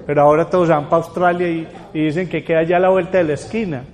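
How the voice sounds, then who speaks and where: Older male lecturer, high-pitched, lively and chatty, reverberant hall. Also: fast talker. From Colombia. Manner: lively, asks the audience rhetorical questions. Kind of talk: public talk to an audience.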